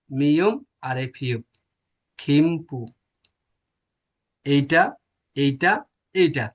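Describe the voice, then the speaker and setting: Man lecturing, slightly high voice, asks then answers his own questions. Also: lo-fi sound. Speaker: language teacher. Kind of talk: classroom lecture.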